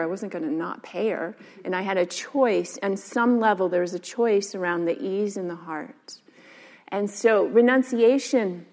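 A woman teacher giving a casual dharma talk, chatty and full of "like" and "um". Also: mid-range voice. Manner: casual, chatty, many fillers. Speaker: meditation and yoga teacher. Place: meditation hall. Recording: long hall reverb.

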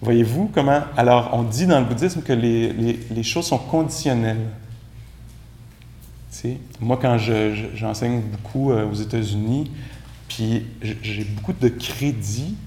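A man's voice: mid-range voice, unhurried. Québécois man teaching in an echoey room. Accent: Québécois French. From Quebec. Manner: relaxed, conversational, with gentle self-mocking humor. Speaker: meditation teacher. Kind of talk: Buddhist dharma talk to a group. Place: room with a live group.

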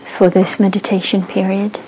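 A woman teaching a meditation class, guiding the practice in a slow, gentle way with long pauses. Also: mid-range voice, flat delivery, slight background noise, low-quality recording. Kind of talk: guided meditation.

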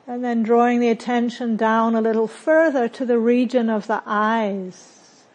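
A meditation teacher guides a body scan, moving at a very slow pace with a voice that's a bit high. She delivers brief phrases calmly and gently, leaving long, unhurried pauses, though the recording quality is rough.

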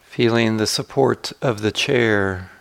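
In a slow, gentle guided meditation punctuated by long pauses, a male teacher speaks with a voice on the low side that shows vocal fry.

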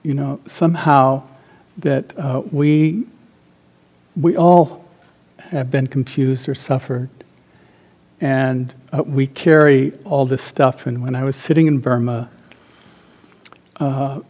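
An older man raised in Central America, a meditation teacher, gives an informal dharma talk in a mid-range voice with fairly even intonation. He tells personal stories haltingly and reflectively, his words trailing off softly.

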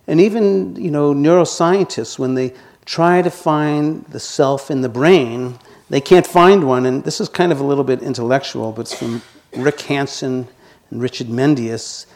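60-something meditation teacher doing a dharma talk, jokes about himself a lot, mid pitch. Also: male voice. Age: 60s. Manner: gently humorous, self-deprecating.

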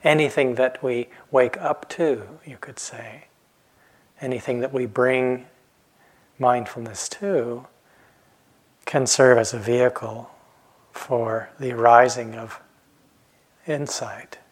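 A man in his late fifties giving a calm, reflective dharma talk as a meditation teacher, pausing often and letting phrases trail off softly. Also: medium pitch, husky. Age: 50s. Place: retreat center hall.

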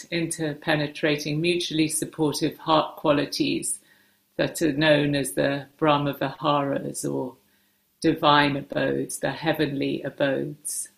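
Speaking low with vocal fry, a female meditation teacher offers soft guided instructions. Her phrases are brief and unhurried, with hesitant pauses, in a large, echoing room.

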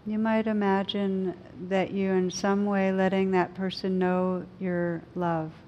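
A woman with a medium-pitched voice gives a reflective meditation talk. She guides gently, leaving frequent pauses between short phrases. A low rumble of background noise sits behind her voice. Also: flat delivery, lo-fi sound. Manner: unhurried, gentle guiding delivery with frequent pauses. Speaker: meditation teacher.

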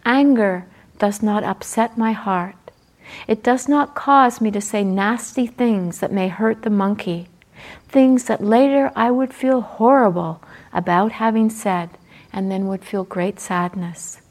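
A woman voicing a wise, patient male buffalo in a storybook, speaking slowly and softly. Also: mid-range voice, close to an everyday voice. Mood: calm. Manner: slow, soft, measured.

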